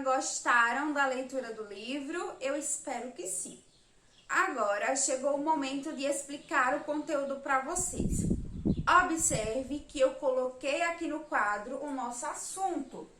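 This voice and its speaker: Slow, bright-voiced Sergipe Brazilian teacher woman. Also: sits high. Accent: Sergipe Brazilian Portuguese. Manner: slow, patient, counting aloud and sounding out syllables. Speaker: primary school teacher. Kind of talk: remote lesson for young children.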